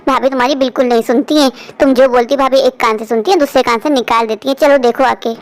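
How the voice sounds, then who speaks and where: A young college girl from a cartoon story, eager to tattle, voiced by a woman. Her voice is high and her words come quickly. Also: steady tone, natural voice. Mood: tattling.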